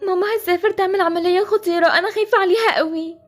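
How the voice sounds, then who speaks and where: A woman's voice: very high-pitched, fairly even intonation, rapid-fire, faint music behind. A woman with an Egyptian accent voicing a sweet, hopeful schoolgirl who has just arrived at a home, speaking earnestly in a game-animation story. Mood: worried. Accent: Egyptian Arabic.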